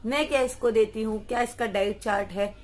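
High-voiced young mom vlogging. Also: female voice, a little fast. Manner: coaxing baby talk to her toddler, sing-song and animated. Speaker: vlogger mother. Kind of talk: casual vlog talk to camera with her toddler.

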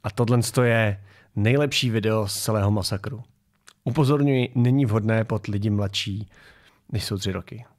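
A man's voice: lowish voice, a little mellow. A man hosting a political commentary show from his garage, mocking video clips in a sarcastic tone.

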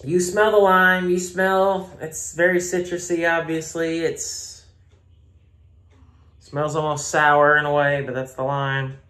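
A man's voice: a little high, pushed and bright. A man with a Southern US accent casually reviewing a drink on a phone camera at home, chatty, rambling and self-mocking. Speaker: beer reviewer. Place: home room.

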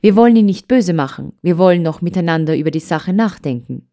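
A woman voicing a kind, earnest old grandmother in an audiobook, admonishing gently and soothingly. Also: on the low side, expressive, brisk. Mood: gentle. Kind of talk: audiobook character voice.

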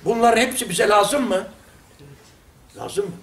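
A man's voice: high voice, measured pace, crowd noise. An older man teaching a religious lesson, telling humorous anecdotes and acting out the dialogues. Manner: lively anecdotes, acts out dialogues. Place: lecture room with audience. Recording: echoey room, distant mic, faint ambience.

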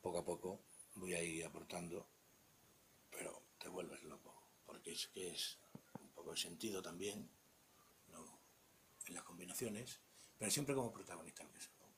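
Deep-voiced Spanish man rambling over a buffet. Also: noisy background. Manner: rambling, halting, trails off into murmurs. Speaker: cheese expert. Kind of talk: unscripted walkthrough. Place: indoors by a buffet table. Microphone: handheld phone camera.

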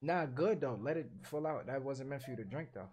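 A man's voice: mid-range voice, lively intonation, fairly quick, a crowd in the background. A young man streaming from a bedroom on a headset, brashly teasing strangers on video chat with crude jokes. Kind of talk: casual trolling banter. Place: small bedroom with blinds.

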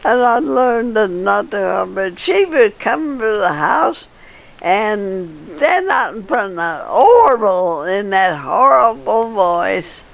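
An older woman being interviewed, telling old neighborhood stories in a halting way with fillers and chuckles. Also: mid-range voice, lively intonation, gravelly. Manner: halting storyteller with frequent laughs and fillers. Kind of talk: casual reminiscing.

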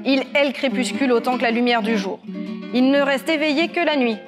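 A woman's voice: high-pitched, brisk, close to an everyday voice. A woman voicing the devil's old mother, stern and warning, over guitar music.

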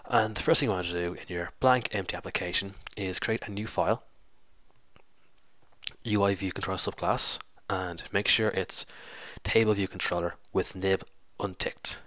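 A man's voice: low voice, fairly even intonation, normal speed, a bit bright, dry recording. A man with a stuffy cold, casually walking through a coding tutorial step by step and correcting himself as he goes. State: congested with a cold. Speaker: programming tutorial host. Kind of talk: screen-recorded coding tutorial.

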